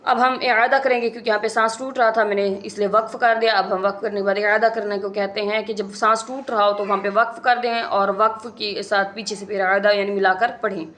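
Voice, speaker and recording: A woman's voice: medium pitch, level tone, fairly bright tone. A woman teaching Quran recitation, patiently explaining each rule step by step and repeating it. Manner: patient, methodical, repeats rules slowly. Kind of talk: step-by-step tajweed lesson.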